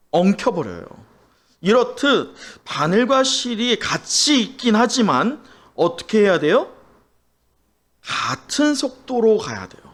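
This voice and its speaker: Lively high-voiced male pastor preaching. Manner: asks the congregation questions and has them repeat phrases; animated storytelling delivery. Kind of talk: sermon.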